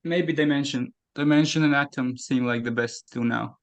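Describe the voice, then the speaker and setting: A man's voice: mid-range voice, steady tone, normal speed. A man on a casual group video call, giving brief, matter-of-fact answers. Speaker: community member on call.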